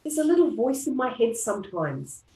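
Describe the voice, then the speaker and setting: A woman with an Australian accent leading a live online group tapping class, speaking in calm, repeated affirmation-style phrases. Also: fairly high pitch, moderate pace. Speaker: EFT tapping practitioner. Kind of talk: guided group tapping session. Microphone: online video call. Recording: roomy echo.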